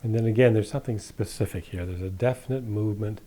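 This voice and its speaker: A man with a low, mellow voice guides a body-awareness session. He talks slowly and gently and often mirrors the other person's words back to them. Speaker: focusing guide.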